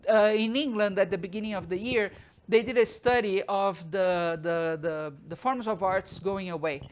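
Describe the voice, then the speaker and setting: A woman's voice: medium pitch, moderate pace. A woman hosting a live online art business course, talking through ideas with frequent restarts and fillers, recorded at home on a desk mic.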